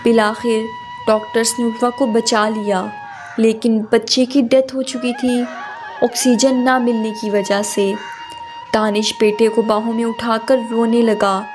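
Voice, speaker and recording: A woman narrating an emotional story in a steady storytelling manner. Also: fairly high pitch. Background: faint background music.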